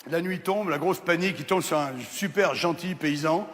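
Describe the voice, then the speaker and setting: A man's voice: fairly high pitch, normal speed, noisy background. A man telling crude jokes on stage with punchy delivery, recorded with a long hall reverb. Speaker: stand-up comedian.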